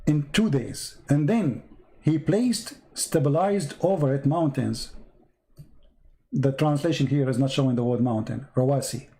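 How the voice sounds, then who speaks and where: A man's voice: medium pitch, measured pace, gravelly, mellow. A man, not an English speaker and losing his voice, hosts a live debate, reading out verses and pressing a caller with repeated questions. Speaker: debate host.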